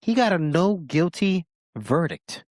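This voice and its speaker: A man's voice: fairly high pitch, very animated, a little slow, dry recording, clean studio sound. A man co-hosting a podcast, giving blunt, emphatic and opinionated commentary in casual chat. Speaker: podcast co-host.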